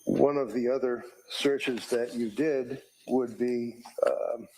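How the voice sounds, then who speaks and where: A man working as a defense attorney, cross-examining a witness in a courtroom recording, halting and repeating his words as he leads the questions. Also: medium pitch, steady tone, warm tone, poor audio.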